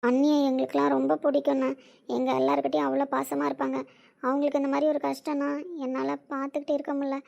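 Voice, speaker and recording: A woman voicing a gentle young sister who pleads softly with her older brother. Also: high-pitched, monotone, fast talker, vocal fry, dull audio. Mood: pleading. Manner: pleading, soft.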